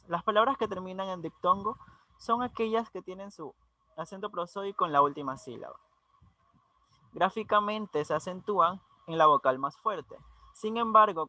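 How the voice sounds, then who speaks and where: A man's voice: high voice, pushed and bright, no room sound. A young man giving a student class presentation, reading out definitions and lists of example words with uneven emphasis. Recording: dull lo-fi sound.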